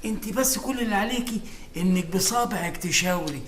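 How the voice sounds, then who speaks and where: An actor with an Egyptian accent playing a lovesick suitor in a TV comedy, fawning and pleading. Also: male voice, high voice, brisk, fairly bright tone, slight background noise. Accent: Egyptian Arabic. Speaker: suitor Shukri.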